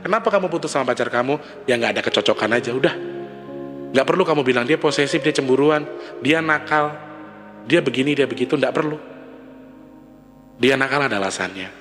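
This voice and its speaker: Man, preachy casual advice talk, long reverb, loud background music. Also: mid-range voice, fast talker, long pauses. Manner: preachy, lively, acts out quoted partners. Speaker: channel host.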